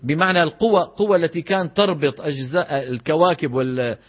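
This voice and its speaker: A man's voice: on the high side, fast talker. A man with a Levantine Arabic accent teaching Quran recitation, chanting verse lines and drilling syllables aloud. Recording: dull lo-fi lecture recording.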